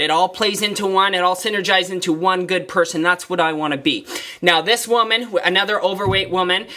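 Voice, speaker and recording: Upbeat male trainer-host, bright forward voice, pumps up listeners with emphatic repeated lines. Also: sits high. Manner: energetic, emphatic, repetitive motivational phrasing. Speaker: fitness trainer and podcast host. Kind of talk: solo motivational podcast storytelling.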